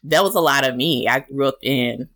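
A woman guest speaking in casual podcast chat with an unusually deep, low voice. She talks reflectively and laughs softly between thoughts. The sound is dry and close to the mic. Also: moderate pace, no room sound.

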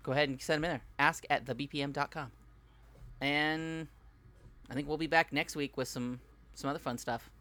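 Bright-voiced man hosting a casual podcast. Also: a little high, steady tone, normal speed, pauses often. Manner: upbeat, jokey, reads sponsor plugs loosely. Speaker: podcast host.

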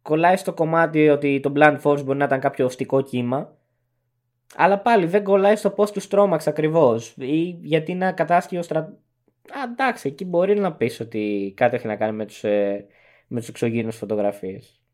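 A man's voice: on the high side, a little mellow. A young man co-hosting a podcast, casually talking through arguments point by point. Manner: analytical, lists arguments point by point. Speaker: podcast co-host.

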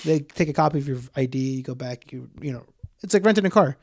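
A young man co-hosting a podcast, telling stories in a loose, profane, animated way with plenty of fillers. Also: medium pitch, fast, dry recording. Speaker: podcast co-host. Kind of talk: casual storytelling chat.

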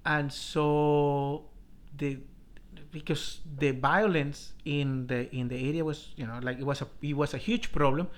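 Colombian-born professor guy, kinda high voice, stops and restarts a lot telling his story. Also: steady tone. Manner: halting, many restarts and fillers. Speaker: professor, guest. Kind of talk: interview, personal story.

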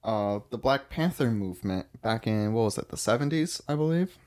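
A man's voice: on the low side, moderate pace. Man casually chatting about films. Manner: relaxed, searching for words. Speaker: podcast co-host. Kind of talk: casual film review chat.

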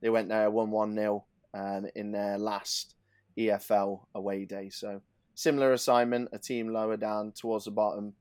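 A man from England talks football betting on a podcast, stacking statistics with emphatic repetition. He drops into quieter, offhand asides between points. The sound is close and dry, with no room. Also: lowish voice, level tone, normal speed, smooth, dry recording. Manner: emphatic, builds lists of stats, then drops to asides. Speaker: podcast co-host, betting tipster. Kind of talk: casual football betting chat.

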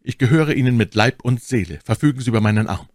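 A man's voice: mid-range voice, fast, darkish tone, dry recording, studio quality, voice pushed up, close to an everyday voice. A man voicing a gallant, earnest young swordsman who speaks in a courtly, pleading way in an audiobook. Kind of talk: audiobook character voice.

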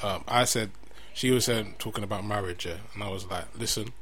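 A man's voice: on the low side, a little fast, a bit bright, slightly rough. A man with a London accent chatting casually on a podcast, making his points emphatically and repeating phrases, with plenty of slang.

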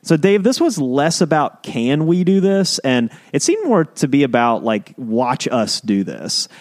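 A man's voice: mid-range voice, a little slow. Man telling a history story in a podcast. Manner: storytelling, animated emphasis. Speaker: podcast co-host. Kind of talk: casual explainer chat.

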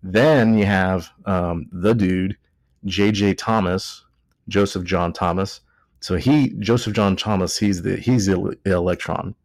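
A man with a Texan accent hosts a podcast a few beers in, tipsy, rambling and joking while correcting himself in casual banter. His voice is low-pitched with fairly even intonation, a little slow, and the recording is dry.

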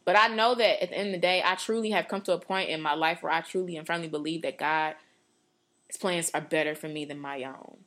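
A low, steady female voice, brisk and fairly bright. This podcast co-host, a woman in her late twenties, talks sincerely and at length about her faith in a casual, meandering way, leaning on "like," fillers, and restarts.

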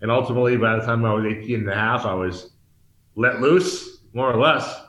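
With a mid-range voice, steady tone and slightly bright quality, a man speaks a little fast. He's from Massachusetts, in his forties, and as an interview guest in an echoey room in Mexico he tells his life story candidly and earnestly, searching and restarting sentences often.

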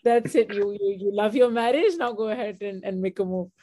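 Mellow-voiced woman guest from Pakistan. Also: mid-range voice, brisk. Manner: animated, laughing storyteller with frequent restarts. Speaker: podcast guest, lawyer. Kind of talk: conversational interview.

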